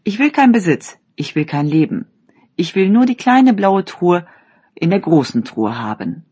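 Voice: mid-range voice, very animated, moderate pace, warm tone, breathy edge, dull audio, voice pushed up. A storyteller voicing an earnest young man in a read-aloud fairy tale, pleading in a raised voice.

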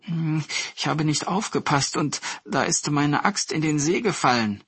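A man's voice: on the high side, animated, a little slow, fairly bright tone, breathy edge, no echo, pitched above the performer's own voice, exaggerated voice. A man voicing a humble, honest male woodcutter with a raised, eager and earnest voice.

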